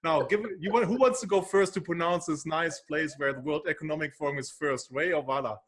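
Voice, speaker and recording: A man's voice: on the high side, a little fast. A man appearing as an analyst guest on a video call, playful and teasing, often tagging his points with "right?". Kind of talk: casual interview chat.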